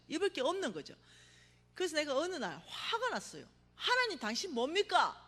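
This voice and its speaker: A middle-aged woman giving a testimony sermon at a revival meeting, telling her story with vivid acted-out cries and sudden hushed asides. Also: fairly high pitch. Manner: animated storytelling, acts out her own cries, drops to a hush for emphasis. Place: church sanctuary. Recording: reverberant church hall.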